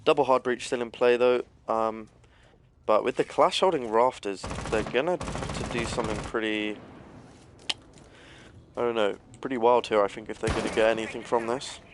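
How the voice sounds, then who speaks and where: A male esports caster gives live commentary on a competitive shooter match, casual and analytical, with lots of filler words. He has the hiccups. His mid-range voice keeps a fairly even intonation at a moderate pace against a noisy background.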